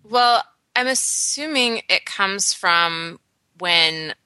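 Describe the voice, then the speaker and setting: A woman from Canada with a Canadian accent, chatting casually as a guest and explaining things with quick asides. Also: medium pitch, lively intonation, pushed and bright, clear, resonant tone, no echo. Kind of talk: casual podcast chat.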